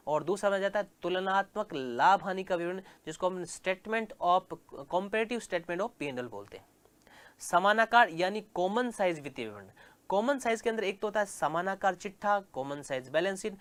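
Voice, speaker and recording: With a high, fairly bright and clean voice, this male commerce teacher delivers a lecture. He repeats key terms slowly and asks the class questions, only to answer them himself.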